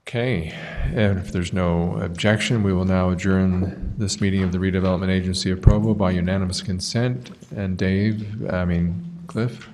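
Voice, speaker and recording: A man with a Utah accent runs a city council meeting in a very low voice. He talks haltingly, with lots of ums and restarts. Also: steady tone, a little mellow, a little hiss or hum. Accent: Utah English. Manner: halting, many fillers. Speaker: council chair.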